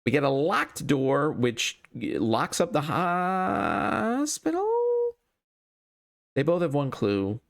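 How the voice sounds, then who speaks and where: A man's voice: fairly high pitch, sing-song, slow, creaky. A man thinking aloud as he hosts a solo card game playthrough, casual and wryly self-deprecating.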